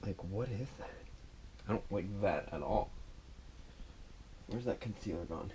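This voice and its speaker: A man's voice: fairly low pitch, a little slow, mellow, a little hiss or hum. Man filming a makeup tutorial at home, loose chatty delivery with fillers, pokes fun at himself. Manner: chatty and self-deprecating, rambling with fillers. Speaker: makeup vlogger. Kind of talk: casual makeup tutorial chat. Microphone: action camera.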